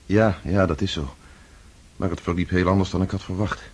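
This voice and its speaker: A man's voice: deep voice, steady tone, fairly quick, husky. An actor playing Pierre, an earnest man back from war captivity, speaking in a reflective, emotional way in a radio drama. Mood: wry.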